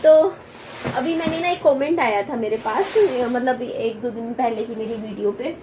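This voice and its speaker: A young woman with a high, bright voice talks chattily to her viewers in a casual family vlog, often breaking into laughter between loose, hesitant sentences. A faint hiss of background noise sits under her voice. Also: normal speed. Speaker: vlogger.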